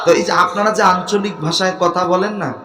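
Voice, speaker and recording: A man from Bangladesh, preaching a sermon at an outdoor gathering under a large tent. He swings from quiet coaxing to shouted calls for the crowd to respond. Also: sits high, fairly even intonation, a little fast, roomy sound, big-room sound, background noise. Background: crowd of listeners.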